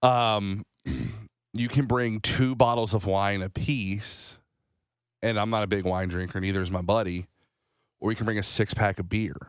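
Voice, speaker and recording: A man in his thirties co-hosting a morning show, telling rambling, animated stories with a slight cold. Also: on the low side, measured pace, clear, resonant tone, no echo, clean studio sound. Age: 30s. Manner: rambling, animated storytelling with restarts. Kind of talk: casual radio chat.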